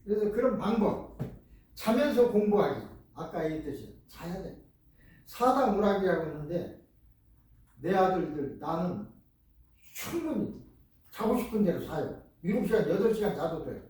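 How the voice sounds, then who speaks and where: An older man, a professor giving a lecture, talking in an animated, emphatic way and repeating his key words. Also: high-pitched, moderate pace, long pauses. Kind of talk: lecture on speed reading. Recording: echoey room, voice from far off.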